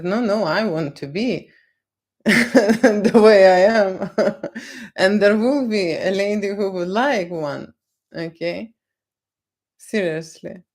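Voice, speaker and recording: A photographer with a Lithuanian accent, not a native English speaker, answers viewers' questions on a livestream Q&A. She talks slowly and lecturingly, tacking "okay?" onto her points, in a mid-range, darkish voice.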